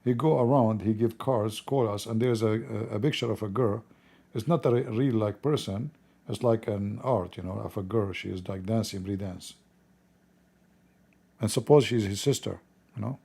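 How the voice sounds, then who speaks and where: A man with an Arabic accent, a native Arabic speaker, giving blunt, informal political commentary in halting, repetitive non-native English. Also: fairly low pitch, gravelly, dark tone, husky. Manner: blunt, opinionated.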